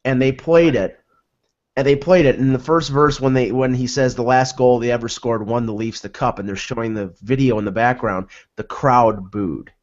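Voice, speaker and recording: A man with a mid-pitched voice chats casually as a sports show co-host. He tells stories haltingly, doubling back on words, and the recording is slightly dull. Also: fairly even intonation. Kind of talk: casual chat, anecdotal storytelling. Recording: dull lo-fi audio.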